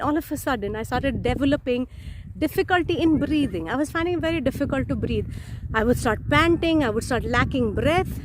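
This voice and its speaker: A woman, a coach telling a personal story to camera in an expressive, emphatic way. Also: sits high. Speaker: NLP coach. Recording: noticeable background noise.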